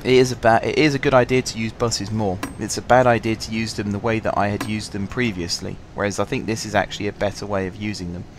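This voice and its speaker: A gaming channel host with a lower-pitched voice and a sore, slightly husky throat gives casual let's-play commentary over a headset mic, fighting back coughs. He rambles quickly in a relaxed, apologetic way, full of ums and with hardly any pauses. Faint game sounds and a vehicle hum sit behind him.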